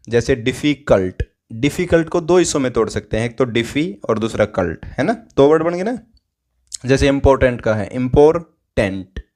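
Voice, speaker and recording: A man gives a patient grammar lesson in a mid-range voice. He asks his own questions and answers them, and he stretches out English example sentences very slowly. On lists of word forms his voice drops low and soft. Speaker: grammar teacher.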